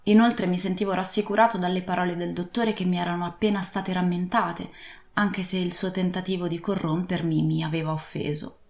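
A woman's voice: fairly low pitch, steady tone, fairly quick, reverberant. Woman reading a storybook aloud. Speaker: audiobook narrator.

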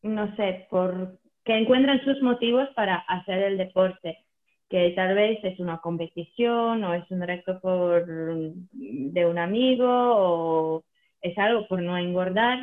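Slow-speaking woman with foreign-accented Spanish, phone-like sound. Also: fairly low pitch. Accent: foreign, non-native Spanish. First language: Latvian. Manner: hesitant, searching for words in Spanish. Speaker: athlete guest. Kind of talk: casual conversation. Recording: thin phone-like call audio.

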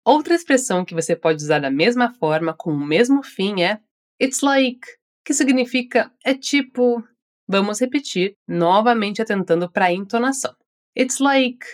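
A woman with a Brazilian accent teaching English, giving slow, carefully articulated model phrases for learners to repeat. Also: medium pitch, expressive. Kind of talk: scripted language lesson.

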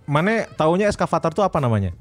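A man's voice: fairly high pitch, sing-song, fast. Sundanese guy joking around about football, laughy and crude, a little music in the back. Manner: laughing, profane banter. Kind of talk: casual football chat.

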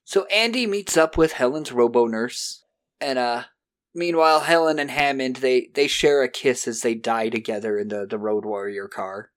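A man's voice: medium pitch, normal speed. A man co-hosting a podcast, casually retelling a film's story and acting out bits of dialogue. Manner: animatedly acts out characters' lines. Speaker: podcast co-host. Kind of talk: casual film recap chat.

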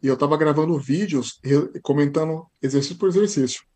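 A man from Brazil with a São Paulo Portuguese accent, a podcast guest telling stories in a lively casual way with frequent tag questions. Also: a little high, fairly quick, husky. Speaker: podcast guest, high school teacher. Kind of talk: casual interview storytelling.

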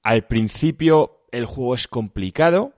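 A man's voice: medium pitch, animated, unhurried, a little mellow, dry recording, studio quality. A man with an Andalusian accent chatting casually about video games, emphatic and colloquial, swearing now and then. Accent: Andalusian Spanish.

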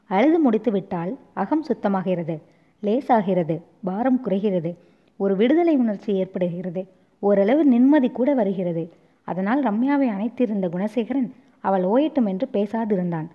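A woman reading a novel aloud as narrator, in a measured, expressive storytelling manner. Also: mid-range voice. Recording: dull lo-fi recording.

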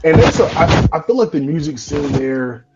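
A man's voice: a little high, animated, moderate pace. A young man from North Carolina hosting a podcast interview, talking casually with many fillers and restarts. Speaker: podcast host. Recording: lo-fi live stream audio with faint music.

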